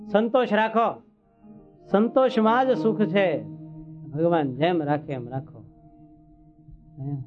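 Folksy preacher over a tinny line. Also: male voice, fairly high pitch. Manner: humorous, chatty, rustic storytelling. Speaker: religious storyteller. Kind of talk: folksy devotional sermon. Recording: tinny phone-like sound with faint music.

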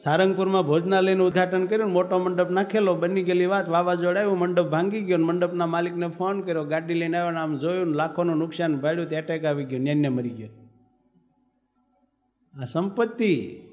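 A man's voice: high-pitched, fairly even intonation, fast, a little mellow. A man giving a storytelling sermon, acting out dialogue and chanting verses. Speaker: preacher. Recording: reverberant hall with faint music.

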